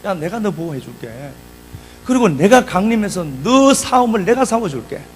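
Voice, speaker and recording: A man's voice: high-pitched, very animated, normal speed, long reverb tail, faint music behind. A man voicing God, casual and reassuring. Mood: assuring. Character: God, speaking as a protective, reassuring father.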